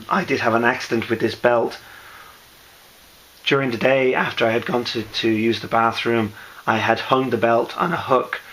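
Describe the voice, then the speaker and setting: Hoarse, low-voiced man explaining his handiwork. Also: a bit bright, slight background noise, rough recording. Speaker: costume maker presenting a build. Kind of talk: casual explanatory show-and-tell.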